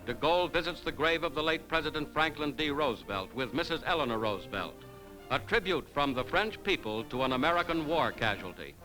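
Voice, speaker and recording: A man delivering 1940s newsreel narration in a brisk, emphatic announcer style, as on an old newsreel recording. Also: fairly high pitch, expressive, poor audio. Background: loud music bed.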